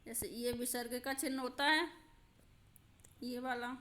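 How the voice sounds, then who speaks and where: A woman teaching a grammar lesson, slowly and patiently, repeating examples and checking that her students understand. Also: on the high side, fairly even intonation, a bit bright.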